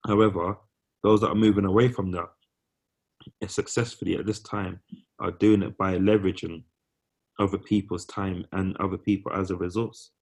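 A man with a fairly low voice shares opinions in a casual discussion. He is emphatic, breaking his points into short, firm phrases. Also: flat delivery, moderate pace, darkish tone, husky.

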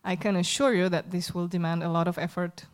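Translating a sermon aloud in church as it happens, this female interpreter has a lowish voice and fairly even intonation and talks a little fast. She hesitates often, groping for words with fillers and correcting herself.

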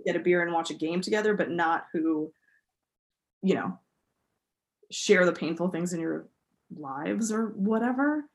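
Woman co-host, casual chat, thoughtful and animated. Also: on the low side, measured pace, pauses often. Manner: thoughtful, animated, many fillers. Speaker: podcast co-host.

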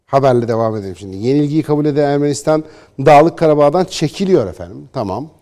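A man's voice: a little high, quick pace. Sarcastic man delivering heated commentary. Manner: sarcastic and combative, mocking opponents in put-on quotes; reads news passages aloud in a flatter tone. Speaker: political commentator. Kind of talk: opinionated solo commentary.

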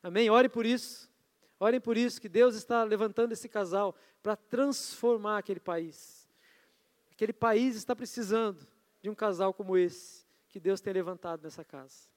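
A Brazilian pastor with an unusually high voice preaches a sermon in a loose, chatty style, tossing in asides and questions to the congregation. His voice echoes long through a large church hall. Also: moderate pace. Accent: Brazilian Portuguese. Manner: conversational preaching with asides and audience prompts.

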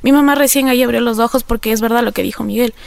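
A woman's voice: a little high, steady tone, very fast, creaky, darkish tone, no room sound. A woman with an Ecuadorian accent, candidly telling her personal recovery story in an interview, rambling with many fillers. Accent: Ecuadorian Spanish. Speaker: interview guest.

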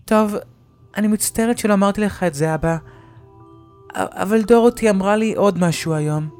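A timid little girl, as a male horror narrator puts her on, her voice lifted high and thin. She speaks softly and haltingly, stumbling over her first words. The tone suits a spoken scary story. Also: faint music behind. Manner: soft, hesitant, stammering.

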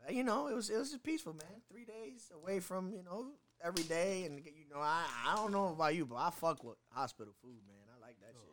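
A man telling crude stories in a casual podcast chat, animated and profane. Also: high voice, quick pace, few pauses. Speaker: podcast co-host.

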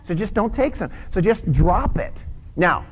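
A man's voice: high-pitched, big pitch swings, unhurried, slightly rough. A man preaching a sermon in an earnest, conversational way, asking the audience to respond. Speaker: pastor.

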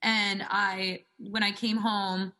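A woman's voice: medium pitch, little pitch movement, slow, sharp tone. A woman in her twenties, a singer telling stories in a casual interview, chatty and full of "like" fillers. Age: 20s. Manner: chatty, fills speech with "like". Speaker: singer guest.

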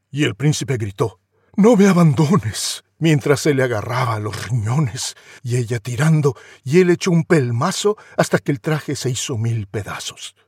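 A man's voice: medium pitch, gravelly, darkish tone, husky, no echo, clean studio sound. A man, a professional voice actor, reading a rhyming story in a theatrical, comic way.

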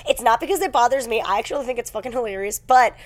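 A woman co-hosting a podcast in casual chat, giggly and playful, quick to tease. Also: a little high. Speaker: podcast co-host.

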